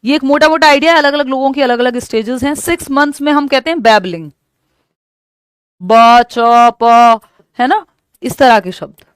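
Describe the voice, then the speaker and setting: A woman with an Indian accent teaching an exam-prep lecture, explaining each answer step by step and reading English questions slowly. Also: high voice, expressive, no room sound, clean studio sound.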